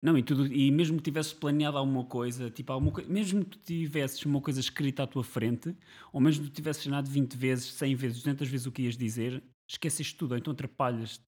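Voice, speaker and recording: A man with a European Portuguese accent talks in a loose, conversational way, as on a chat show. His voice sits at a middling pitch, and he slips English slang words into his sentences. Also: fairly even intonation, fast talker, darkish tone, breathy edge. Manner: mixes English slang into speech. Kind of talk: casual chat.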